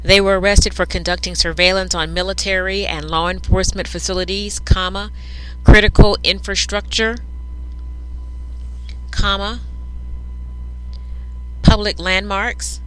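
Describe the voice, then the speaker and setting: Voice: mid-range voice, steady tone, fairly quick, hardly any pauses, sharp tone, clean tone, rough recording. A news reader dictating a script aloud, speaking each punctuation mark and paragraph break between the sentences.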